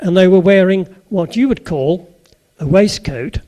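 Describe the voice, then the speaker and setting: An older man with a Suffolk English accent preaches to a gathered audience, his voice sitting fairly high for a man. He takes his time and moves at an unhurried, slow pace. He keeps the talk chatty, asks the listeners questions and slips in little jokes. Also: lively intonation, mellow, dull audio. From Suffolk, England. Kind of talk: anecdotal sermon to a live audience.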